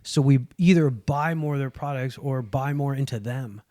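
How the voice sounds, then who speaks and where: A man's voice: medium pitch, warm tone, no room sound. A man riffing and joking as a comedian guest in a casual podcast chat. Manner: joking, riffing, quick to laugh.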